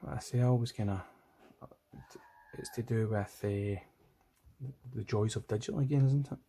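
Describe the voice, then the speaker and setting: An illustrator with a Scottish accent talks casually while he draws, thinking aloud for his art vlog. His lowish, mellow voice has vocal fry and moves at a moderate pace. The rough recording carries a little hiss or hum, plus background music.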